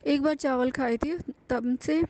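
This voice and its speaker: High, mellow-voiced woman giving earnest thanks. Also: fairly even intonation, a little slow, slight background noise. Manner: earnest, confiding, with frequent fillers and restarts. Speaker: devotee sharing a testimony. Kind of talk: personal devotional testimony, casual.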